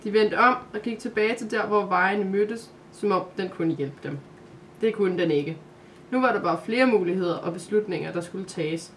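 A woman narrating a Christmas calendar story aloud, in a calm, steady way. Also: medium pitch, slight background noise.

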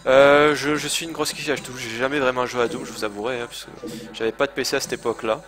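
A male streamer chats through a live game session on a desk microphone at home. He rambles, hesitates, swears when he dies and jokes about being a beginner, his voice sitting at an ordinary middle pitch. Faint game music runs behind him. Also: level tone, quick pace, fairly bright tone. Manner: chatty, hesitant, swears, self-mocking. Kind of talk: casual live gameplay commentary. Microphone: desk microphone, speakers playing game sound.

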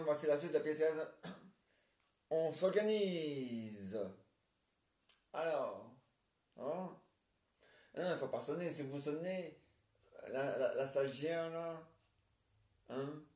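A slightly high, somewhat mellow male voice speaks slowly with long pauses. The amateur playwright performs every part of his own homemade play, rambling and hesitant with frequent filler tags, recorded in a roomy, echoey home setting.

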